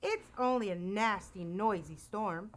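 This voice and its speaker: A woman voicing a calm, sensible male animal who reassures his friends in a storybook. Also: a little slow, lightly acted. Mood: soothing. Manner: steady, reassuring, lower than narration.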